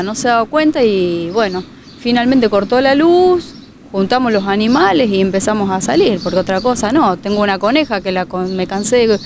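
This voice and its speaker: Outdoors, amid background noise, a local woman tells a news reporter about her flooded home in a street interview. Her medium-pitched voice comes out in fragmented, emotional bursts, with many restarts.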